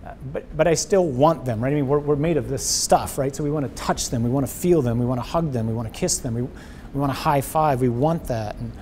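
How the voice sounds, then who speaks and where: A man hosting a conversational faith discussion as a priest, his voice mellow and warm in tone. He speaks earnestly and with animation, restarting phrases as he thinks. A faint rumble sits under him, recorded indoors. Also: a little fast, few pauses. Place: indoors before a wall of memorial crosses.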